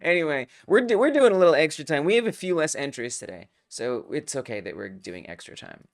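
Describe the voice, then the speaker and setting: A young adult woman hosting a game jam stream, chatting casually in an excitable, self-mocking way. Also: low voice, brisk. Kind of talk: casual live-stream chat.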